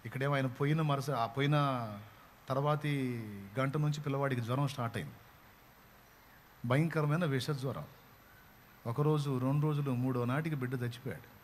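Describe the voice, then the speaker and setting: A man preaching a sermon, telling a story dramatically and rising to loud, fervent proclamations. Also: mid-range voice, normal speed, long pauses, a little hiss or hum.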